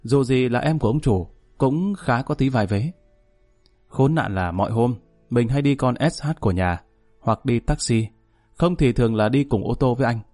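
A man's voice: medium pitch, animated, normal speed, darkish tone, dry recording. Wry man narrating a story. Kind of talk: first-person story narration. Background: faint music.

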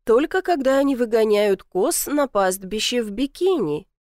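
A woman reading the lines of a mocking, self-assured young man in an audiobook, with a dry, teasing, deadpan delivery. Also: a little high, normal speed, no echo.

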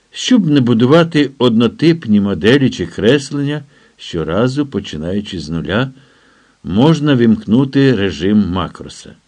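A man narrating an audiobook in a measured, steady scripted reading. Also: fairly low pitch.

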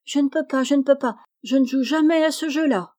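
Woman voicing a timid young girl, pleading, raised pitch, mellow tone. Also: fairly quick, close to an everyday voice.

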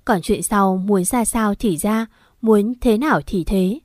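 A woman narrating a scripted first-person horror story in a steady, emotional storytelling manner. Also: medium pitch, a little slow, no echo, studio quality.

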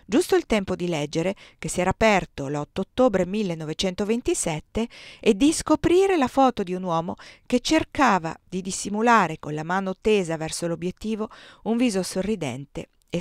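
A woman reading a novel aloud as narrator in a measured, expressive way. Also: mid-range voice, no echo, clean studio sound. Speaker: audiobook reader. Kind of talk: scripted narration.

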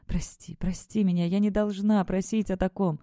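The narrator voicing a grieving young woman in shock, pleading and overwrought, with a mellow, dry read. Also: medium pitch, level tone, moderate pace, clear, resonant tone, no room sound, natural voice.

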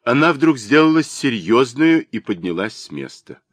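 A man narrating a novel as an audiobook in an expressive literary reading. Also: medium pitch, moderate pace, no echo.

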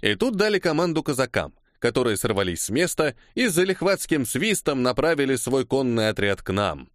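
Animated male audiobook narrator. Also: mid-range voice, brisk, no room sound, studio quality. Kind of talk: scripted first-person audiobook narration.

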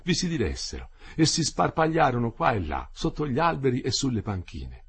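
A man narrating a novel aloud with a husky, slightly breathy voice. His intonation moves a lot, rising and falling through the long sentences in a measured, literary delivery. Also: medium pitch, wildly swooping pitch. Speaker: audiobook reader.

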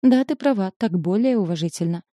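A woman's voice: mid-range voice, animated, a little fast, warm tone, no room sound, close to an everyday voice. A woman reading as a fussy, scolding mother. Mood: approving. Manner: scolding, fretful, theatrical. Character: fussy, chattering middle-aged mother. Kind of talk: audiobook character voice.

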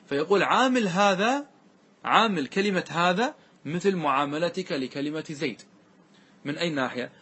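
Man, lecturing on grammar, husky, slightly high voice, checks students often. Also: sharp tone. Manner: recites verses slowly and deliberately. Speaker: teacher of classical grammar. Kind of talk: classroom lecture.

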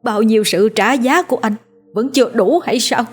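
A woman's voice: medium pitch, moderate pace, husky, faint music behind. A woman voicing an aging, guilt-ridden father who pleads and stammers. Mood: remorseful.

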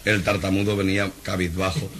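A man, a guest comedian, telling a stand-up joke on a radio show and acting out the characters as a lively storyteller. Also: low-pitched, a little fast, noisy background.

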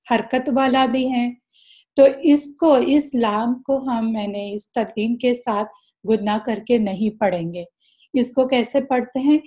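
A woman leads a recitation lesson in a slightly high voice. She explains each rule patiently and slows down to demonstrate the examples. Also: a little mellow. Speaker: Quran recitation teacher. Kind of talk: tajweed lesson.

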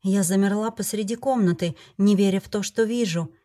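A woman narrating a first-person fantasy audiobook in an expressive, emotional way. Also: medium pitch, a little fast.

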